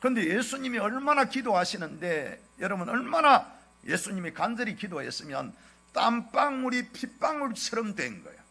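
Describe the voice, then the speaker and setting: A man's voice: high-pitched, very animated, moderate pace, gravelly, pushed and bright. A middle-aged man with a Gyeongsang accent preaching a sermon as senior pastor. He speaks emphatically and keeps asking the congregation rhetorical questions. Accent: Gyeongsang Korean.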